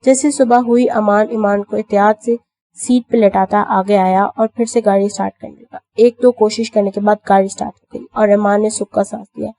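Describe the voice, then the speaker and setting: A woman narrating an audio novel in a steady storytelling manner. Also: mid-range voice, dry recording. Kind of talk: scripted narration.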